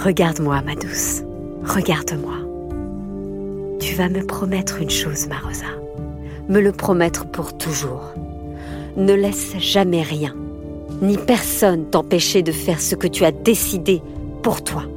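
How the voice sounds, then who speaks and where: A woman's voice: fairly low pitch, slow, music in the background. A woman voicing a fierce, protective aunt who is loving but stern, speaking firmly and with emphasis. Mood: tender firm. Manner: firm, emphatic.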